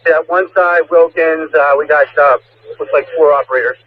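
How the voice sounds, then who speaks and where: A male police officer with a slightly raised pitch talks in clipped radio phrases from the field. The channel is thin and phone-like, with heavy noise over his voice. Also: fairly even intonation, normal speed. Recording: tinny narrow-band noisy police radio, distant. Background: loud noise and radio clicks.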